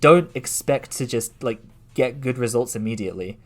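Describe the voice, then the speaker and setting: A man's voice: mid-range voice, normal speed, soft background music. A man hosting a casual livestream interview, talking in a rambling way with lots of restarts. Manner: rambling, many fillers and restarts. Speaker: streamer host.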